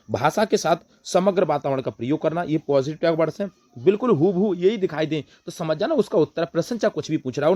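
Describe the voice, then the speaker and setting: A man's voice: fairly high pitch, a little mellow, no room sound. A man teaching an online exam-prep lesson, repeating key terms, asking rhetorical questions and answering them himself. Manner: repetitive, rhetorical questions, calls listeners brother.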